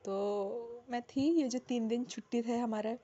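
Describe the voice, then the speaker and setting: A young woman in her twenties telling her own exam story in a casual, animated way, often laughing and pausing with fillers. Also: on the high side. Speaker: bank officer sharing her exam story. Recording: dull lo-fi sound.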